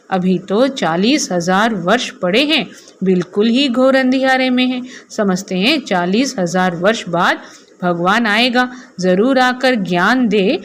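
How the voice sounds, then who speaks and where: A woman's voice: on the high side, slight background noise. A woman reading a spiritual discourse aloud as a teacher, repeating each passage and then explaining it.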